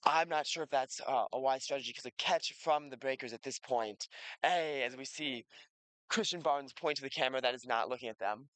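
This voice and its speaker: A man doing live play-by-play commentary at a quadball tournament, his voice jumping up with excitement on goals and catches. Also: medium pitch, a little fast, smooth, no room sound.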